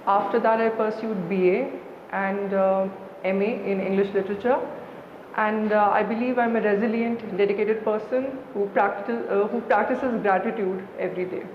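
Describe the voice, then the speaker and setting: A young woman with a Kashmiri accent, answering formally and haltingly as a deferential interview candidate. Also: mid-range voice, steady tone. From Srinagar, Kashmir, India. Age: young adult. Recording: echoey hall, dull sound, background noise.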